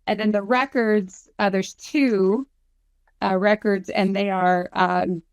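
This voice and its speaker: A woman chatting casually as a guest, eager and quick to laugh as she talks. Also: medium pitch, steady tone, smooth, dry recording. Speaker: guest collector. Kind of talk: casual chat.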